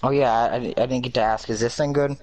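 Young guy yelling holy crap at his racing game, headset chat. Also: mid-range voice, fast talker, poor audio. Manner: excitable, exclaiming. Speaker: gamer streaming with friends. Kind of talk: casual gaming chat.

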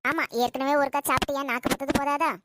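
A woman's voice: high-pitched, fairly even intonation, quick pace, heavy background noise, lightly acted. A woman playing a nagging old village mother. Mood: suspicious. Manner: nagging and sharp-tongued. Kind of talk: comedy skit acting.

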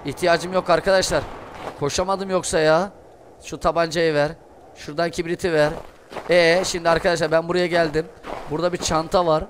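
A young man doing Let's Play commentary, excitable, cursing and shouting at the game. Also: fairly high pitch, a little fast. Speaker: gaming streamer. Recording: noisy gameplay audio behind voice. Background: game sounds and ambience.

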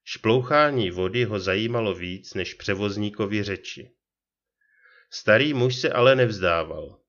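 A man reading a short horror story aloud in a steady, measured narration, on a dull lo-fi recording. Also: on the low side. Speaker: audiobook reader.

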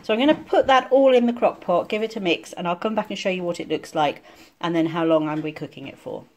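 A woman talking casually through each step of a home cooking demonstration in a relaxed, chatty way. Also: on the low side, fast talker. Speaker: home cook vlogger. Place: home kitchen.

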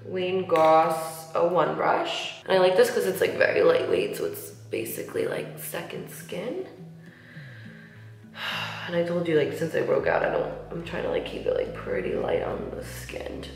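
A beauty vlogger in her thirties chats through a casual makeup tutorial, sounding slightly nasal from a cold and saying "like" a lot, with soft asides. Her voice is on the low side, animated, and a little slow. She's seated facing a close-range camera mic in a large tiled indoor bathroom, so the recording is echoey, with faint music.

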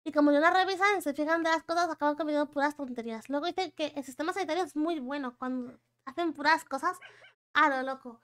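A woman streaming live and talking with a Spanish accent from Spain. Her voice sits extremely high and sounds sharp and bright. She chats casually, reacting to her chat and reading messages aloud. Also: fast.

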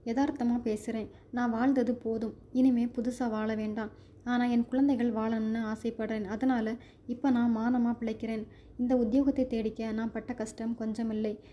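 A woman's voice: a little high, level tone, normal speed, highs cut off, natural voice. A woman voicing a convict's wife, a guarded, protective mother who speaks firmly and defensively. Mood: weary. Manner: firm, defensive.

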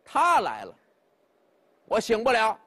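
A storyteller voicing an aloof old drunken hermit who talks in a drawling, mock-humble way. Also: male voice, sits high, huge pitch swings, slow, bright, forceful tone, full character voice. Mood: wry, aloof.

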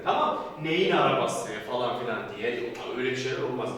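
A man's voice: mid-range voice, expressive, fast, fairly bright tone. A man teaching grammar for an exam, stressing warnings and answering his own questions. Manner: emphatic, repeats warnings, asks and answers students' questions himself. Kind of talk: recorded exam-prep lecture. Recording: echoey hall from far off.

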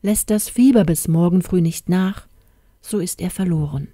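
A woman reading as a grave, calm doctor. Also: on the low side, normal speed, no echo, clean studio sound, close to an everyday voice. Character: grave, calm older male country doctor.

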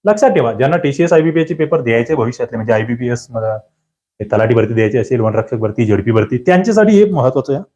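A man giving an online exam-prep lecture, drilling grammar questions with lively, rising emphasis and questions to his students. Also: mid-range voice, racing, lo-fi sound.

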